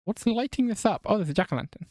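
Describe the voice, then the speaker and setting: A man's voice: high-pitched, expressive, quick pace, a little mellow, dry recording, clean studio sound. A man streaming a video game who chats with his viewers in a casual, wry and self-mocking way and laughs often. He has a non-rhotic English accent. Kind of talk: casual live-stream chat while gaming.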